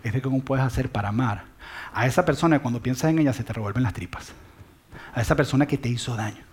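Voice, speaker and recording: A man's voice: mid-range voice, quick pace, darkish tone, husky. A man preaching a sermon, speaking directly to listeners with questions and dropping to a whisper on key words. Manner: mixes English phrases into Spanish.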